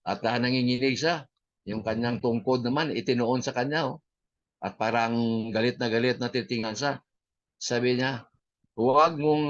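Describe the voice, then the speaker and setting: A man with a Filipino accent teaching a church history class in an unhurried way, with many fillers and English phrases mixed in. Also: medium pitch, dull audio.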